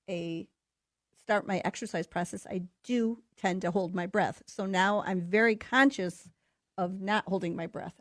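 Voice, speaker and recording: A woman's voice: mid-range voice, no echo, studio quality. A woman in her fifties co-hosting a health radio show, speaking in an earnest, agreeable and casual way. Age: 50s. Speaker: radio co-host. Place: radio studio.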